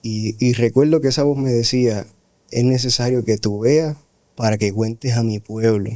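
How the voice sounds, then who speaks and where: A middle-aged pastor tells his testimony slowly, pausing and restarting as he recalls. His voice is mellow and warm, sitting at a middle pitch. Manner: slow, reflective storytelling with hesitations. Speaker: pastor, guest. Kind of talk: testimony in a radio interview.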